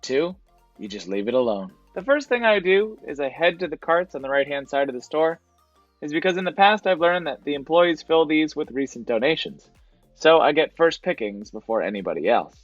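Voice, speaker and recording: A man's voice: fairly high pitch, sing-song, moderate pace, no room sound, muffled recording, soft background music. A man narrating his thrift store trip as a voice-over for his reselling vlog, in a casual, explanatory way. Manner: casual, explanatory, repeats "to be honest".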